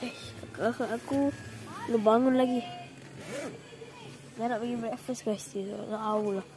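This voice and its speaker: A young Malaysian Malay-accented vlogger rambles casually through a camping video, filling gaps with fillers as she films on a phone held close, arm's length away, at a tree-lined campsite. Her pitch is fairly high, her tone steady and her pace unhurried.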